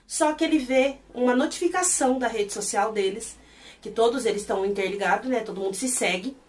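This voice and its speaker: A Brazilian woman retelling and reviewing a series in an animated, exasperated, casual way. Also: fairly high pitch, brisk, recorded from a distance. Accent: Brazilian Portuguese.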